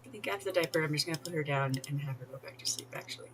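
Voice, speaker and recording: Streaming a life-sim game, a woman chats casually, giggling and talking to the on-screen characters as she plays. Her voice sits low and comes out rapid-fire against a noisy background.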